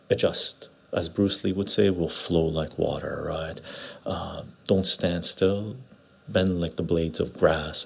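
A man with a gravelly, husky voice chatting casually as a livestream host, laid-back and repeating short phrases, recorded on a clip-on lapel mic. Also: low-pitched. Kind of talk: casual livestream chat, greeting viewers and reading comments. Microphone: clip-on lapel mic into external recorder.

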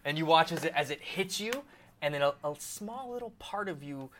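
A man running a tabletop game as game master, narrating casually and haltingly as he thinks aloud. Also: fairly high pitch, expressive, heavy background noise.

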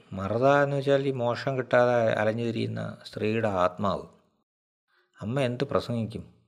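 A man narrating a story in a measured way, with slow dramatic pauses. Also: fairly low pitch.

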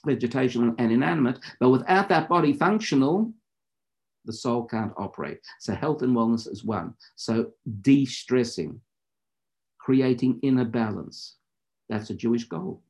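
A man teaching meditation in deliberate, measured phrases, in the instructive style of a spiritual lecture and guided practice. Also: medium pitch, lively intonation, darkish tone.

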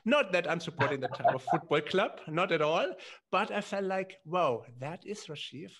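A male podcast host asks his questions slowly and hesitantly, with lots of fillers and restarts. His voice is gravelly with a lot of fry and sits somewhat high for a man. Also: expressive, fairly bright tone. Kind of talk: podcast interview.

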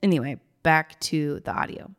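A woman with a gravelly, tired morning voice, talking informally and ramblingly to listeners like a business coach. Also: deep voice, moderate pace. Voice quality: gravelly, raspy. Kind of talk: casual solo talk to listeners.

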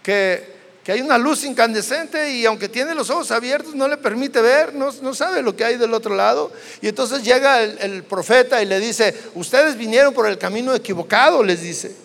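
High-voiced Mexican preacher in a reverberant hall. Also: male voice, moderate pace, vocal fry, fairly bright tone. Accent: Mexican Spanish. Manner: dramatic storytelling, acting out biblical dialogue. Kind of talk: sermon. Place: church hall. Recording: long church-hall reverb.

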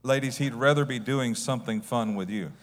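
A male pastor preaching with humor in short phrases, pausing for an interpreter. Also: mid-range voice. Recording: long reverb of a large hall.

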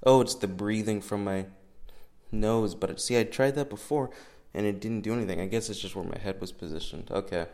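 Young American male podcaster, lowish pitch, loose self-deprecating chat with swearing, echoey garage sound. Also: a little fast, a little mellow. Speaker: podcast host. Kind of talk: casual solo podcast chat. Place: indoors in a garage. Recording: echoey garage room sound, breath pops.

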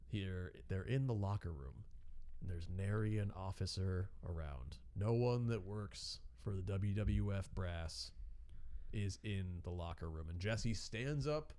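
A man's voice: sits low, unhurried, dark tone. A man in his thirties co-hosting a casual chat, telling a story with frequent laughs and putting on voices for the people he quotes. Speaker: podcast co-host telling a wrestling story.

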